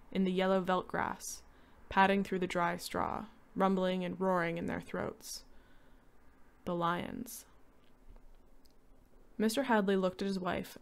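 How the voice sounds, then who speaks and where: A woman giving a dramatic reading of a short story, acting out each character and rising loud for the shouting and panicked lines. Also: on the low side, vocal fry. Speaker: reader.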